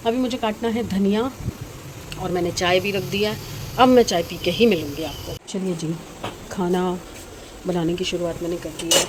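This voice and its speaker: A woman's voice: on the low side, fairly even intonation, normal speed. A middle-aged woman casually vlogging at home, chatting as she works through her chores and cooks in her kitchen. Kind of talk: casual home vlog narration. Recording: frying sizzle and household noise behind.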